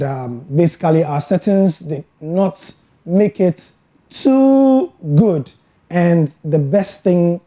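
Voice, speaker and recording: A Ghanaian sports broadcaster giving a scripted educational talk, telling his story in a measured, earnest way with emphatic pauses. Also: fairly high pitch, mellow. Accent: Ghanaian English.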